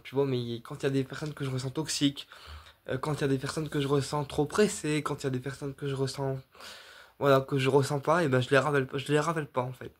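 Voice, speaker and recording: A man, a medium casually explaining his readings straight to his viewers, rambling with many fillers, restarts and repetitions. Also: mid-range voice. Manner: addresses viewers directly, checking in with "d'accord". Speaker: medium offering paid readings. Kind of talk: casual direct-to-camera explanation.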